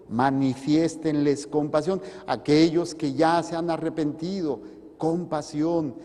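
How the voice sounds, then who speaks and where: A man's voice: a little high, warm tone, in a large hall. A man, a priest giving a conversational sermon with jokes and acted asides.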